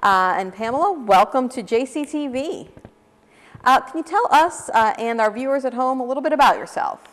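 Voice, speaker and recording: A woman's voice: sits high, expressive, moderate pace. Woman hosting an interview, reverby. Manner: friendly, with frequent fillers. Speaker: show host, interviewer.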